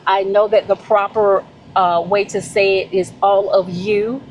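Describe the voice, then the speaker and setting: Effusive Southern woman vlogging slowly. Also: mid-range voice, muffled recording, slight background noise. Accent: Southern American. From Southern United States. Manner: effusive, animated, heartfelt, addresses viewers as y'all. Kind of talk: casual vlog chat.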